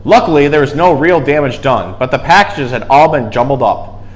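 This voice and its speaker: A man reading a children's storybook aloud in an expressive way, with dramatic emphasis. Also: mid-range voice, brisk, rough recording. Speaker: storyteller and zookeeper host.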